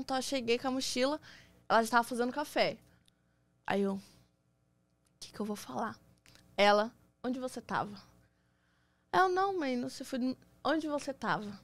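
A woman's voice: a little high, no echo. Young Brazilian woman telling her story. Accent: Brazilian Portuguese. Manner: lively storyteller acting out quoted dialogue. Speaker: podcast guest. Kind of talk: casual storytelling interview.

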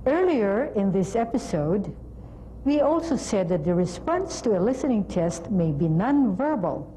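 A middle-aged woman presenting a scripted lesson in a measured, deliberate, instructional way. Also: mid-range voice, sing-song, dark tone, slight background noise, rough recording. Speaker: presenter of an educational program on language testing. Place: TV studio.

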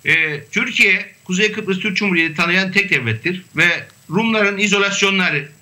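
A man speaking as an academic guest on a remote panel discussion, measured and hesitant, with frequent fillers. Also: high-pitched, pushed and bright.

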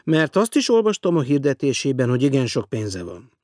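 A man's voice: mid-range voice, sing-song, a little mellow, no echo, pitched above the performer's own voice, natural voice. A man voicing a sardonic gray-haired self-declared dead man. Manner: dry, sarcastic, demanding. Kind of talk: audiobook character voice.

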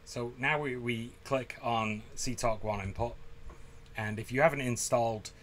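A man's voice: mid-range voice, fairly even intonation, a little slow, slight background noise. A man in his fifties giving a methodical technical tutorial from a basement workshop, recorded on a desk webcam. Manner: methodical, repeats steps plainly. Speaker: DIY sailing electronics presenter.

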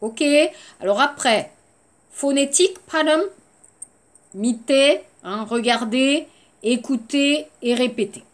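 Slow-speaking woman teaching French. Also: sits high. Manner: slow, repeats words, mixes in Korean glosses. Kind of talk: language lesson for Korean learners.

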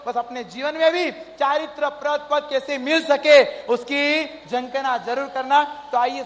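A man preaching a devotional sermon, emphatic, firing rhetorical questions at the audience and rising to shouts. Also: extremely high pitch. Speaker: Jain monk preacher. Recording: long hall reverb.

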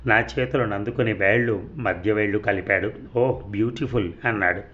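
A man narrating a serialized story in a calm, measured reading voice. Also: on the low side. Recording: dull lo-fi recording.

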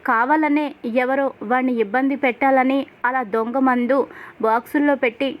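Woman voicing a young husband, loyal, hot-tempered, high-pitched, plain storytelling read. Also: fairly even intonation, normal speed, lightly acted.

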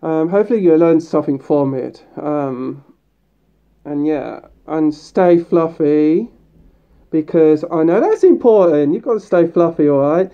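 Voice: mid-range voice, expressive, measured pace. A fursuit video creator talking through a mascot head in a casual, upbeat, rambling way, with many fillers and restarts. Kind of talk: casual vlog talk. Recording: dull lo-fi recording.

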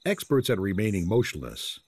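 A man reading scripted nature documentary narration in a measured, descriptive manner, as the narrator of a wildlife film. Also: fairly low pitch, sing-song, a little mellow, husky. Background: music.

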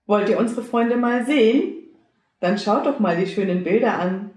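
A woman reading a children's story aloud and speaking gently to the young listeners. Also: medium pitch, moderate pace. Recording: roomy echo.

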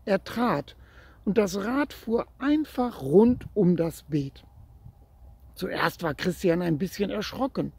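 Slow, gravelly man reading a story. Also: high-pitched, expressive. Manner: gentle, addresses the child listener directly. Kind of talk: reading a children's story aloud.

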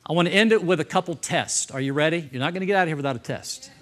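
Emphatic pastor preaching, somewhat high voice. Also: male voice, rapid-fire, fairly bright tone. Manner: emphatic, talks with the congregation, light humor. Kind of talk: sermon. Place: church service before a congregation.

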